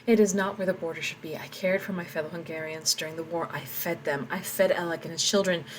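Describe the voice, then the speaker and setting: A woman's voice: on the low side, steady tone, fast, slight background noise, natural voice, poor audio. A woman voicing a desperate old farmer who begs soldiers not to move the border, in a pleading, emphatic way.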